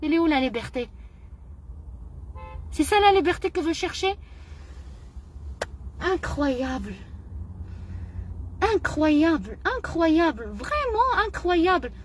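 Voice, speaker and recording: A woman's voice: very high-pitched, big pitch swings, slow pace, long pauses, a little hiss or hum. A middle-aged woman from Morocco, speaking in an impassioned personal monologue, indignant and emotional, often repeating her phrases. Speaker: vlogger.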